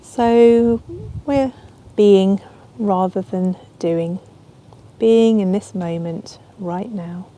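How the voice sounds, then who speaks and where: Soft and unrushed, a woman teaching yoga nidra guides a relaxation in a soothing manner. Her voice sits at a medium pitch, with ambient sound in the background.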